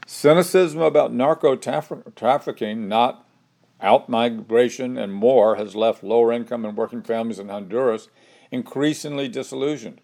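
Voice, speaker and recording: Older guy reading his commentary report, measured and opinionated, mid-pitched voice. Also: darkish tone. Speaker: commentary host. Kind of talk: scripted spoken commentary.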